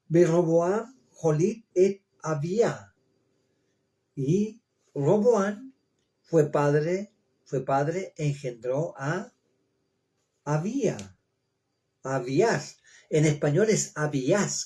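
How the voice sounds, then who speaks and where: Man, Bible teacher, verse-by-verse study, very slow, mellow, slightly high voice, repeats words, checks in often. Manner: reads Hebrew names slowly, then explains in Spanish.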